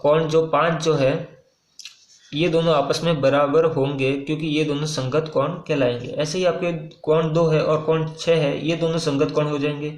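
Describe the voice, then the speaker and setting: A male maths teacher with a fairly high voice walks through a problem step by step. He keeps asking and answering his own questions, with filler pauses between them. The room around him sounds echoey. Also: little pitch movement, a little mellow. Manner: casual, with frequent "uh" pauses and repeated phrases. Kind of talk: whiteboard maths lesson.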